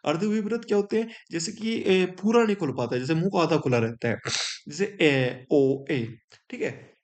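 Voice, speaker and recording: A man's voice: high voice, fast talker, darkish tone. A man teaching a grammar lesson for exam students, explaining step by step and checking in with his listeners.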